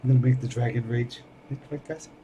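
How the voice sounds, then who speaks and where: An older man from Hawaii, chatting casually and haltingly while streaming a game from his home computer. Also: mid-range voice, lo-fi sound, slight background noise. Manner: halting, restarts mid-sentence, relaxed. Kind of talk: casual live-stream chat while gaming.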